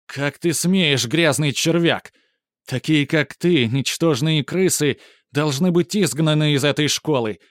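A snarling, arrogant schoolboy bully, put on by a man narrating a story. He shouts his insults in a raised, strained pitch, always ready to pick a fight. The sound is dry and close, with no room around it. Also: measured pace, no echo, close to an everyday voice. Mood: raging. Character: arrogant teenage schoolboy bully, hot-tempered.

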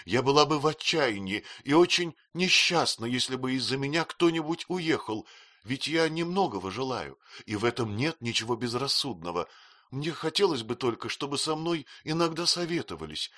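A man voicing a young, timid wife who pleads in a high, plaintive voice, close to tears. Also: animated, normal speed, pushed and bright, no room sound. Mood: tearful.

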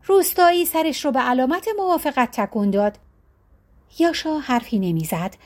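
A woman narrating a folk tale audiobook in a steady, clear storytelling manner. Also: high-pitched.

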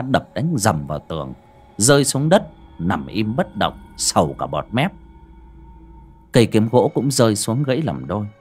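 A man's voice: medium pitch, darkish tone. A man narrating an audiobook story in a dramatic manner. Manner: dramatic, varied delivery.

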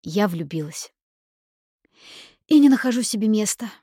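A woman's voice: medium pitch, expressive, moderate pace, dark tone, slightly rough, no echo, clean studio sound, pitched above the performer's own voice. A woman reading an audiobook and voicing an impulsive young woman in love who exclaims, pushes and swears. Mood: excited, pushy.

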